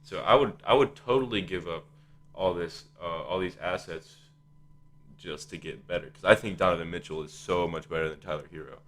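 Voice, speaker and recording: Man, low voice, casual sports podcast host, hesitant delivery, thinking aloud. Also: fairly quick, a bit bright, a little hiss or hum.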